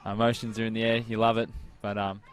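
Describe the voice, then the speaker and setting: A man with an Australian accent and a nasal voice giving relaxed, chatty colour commentary at an outdoor sports ground. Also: lowish voice, quick pace, clean tone. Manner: relaxed, chatty, laughs easily. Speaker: color commentator.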